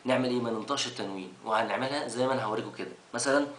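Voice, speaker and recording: A man teaching Quran recitation rules, rushing through recaps and stretching out the recited verses slowly. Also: mid-range voice, fairly bright tone, reverberant, slight background noise. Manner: quick recaps broken by slow drawn-out recitation of verses. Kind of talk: tajweed lesson recap.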